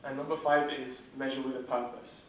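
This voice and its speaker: A workshop instructor teaches informally, talking a little fast in a flat, even monotone full of ums, filler words and restarts. He seems to be picked up by a distant mic in a very echoey room, and the muffled recording carries a faint hiss.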